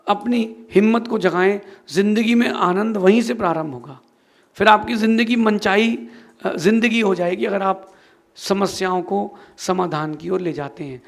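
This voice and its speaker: A man's voice: high-pitched, vocal fry. A man, a Jain monk, giving an earnest sermon and telling a moral story, asking and answering his own questions.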